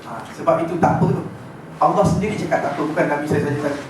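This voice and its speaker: High-voiced Malaysian man lecturing in an echoey room. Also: rapid-fire. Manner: lively storytelling, often checks the class understands. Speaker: religious lecturer. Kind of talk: informal religious lecture to a class. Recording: echoey room, distant mic, background noise.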